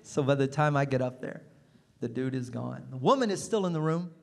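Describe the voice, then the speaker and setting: A man doing stand-up comedy on a club stage into a handheld mic, telling stories in an animated, conversational way. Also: mid-range voice, brisk, creaky. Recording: long reverb of a comedy club.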